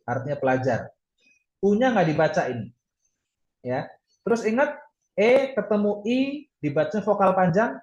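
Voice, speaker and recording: A man's voice: on the high side, darkish tone. Male teacher, patient lecturing style, roomy muffled class audio. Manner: patient, repeats points with frequent "ya". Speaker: Japanese language teacher.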